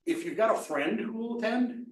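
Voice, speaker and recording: A man's voice: high-pitched, lively intonation, moderate pace. A man leading a workshop on presentation skills, talking casually and loosely with many fillers and restarts. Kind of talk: casual live workshop talk. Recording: echoey room from far off.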